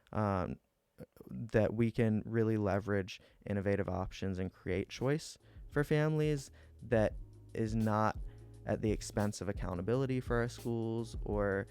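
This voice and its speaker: Earnest young man, lowish voice. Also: darkish tone, clear, resonant tone, dry recording, clean studio sound, soft background music. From Atlanta, Georgia. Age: 20s. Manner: earnest, measured, policy-minded. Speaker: school board candidate. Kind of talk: interview guest answering questions.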